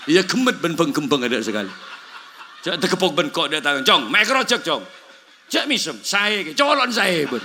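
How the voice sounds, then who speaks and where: A man's voice: mid-range voice, pushed and bright, slight background noise. A man with a Madurese accent giving a comic sermon at a village gathering, telling jokey stories and acting out dialogue in several languages. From Madura, Indonesia. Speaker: preacher.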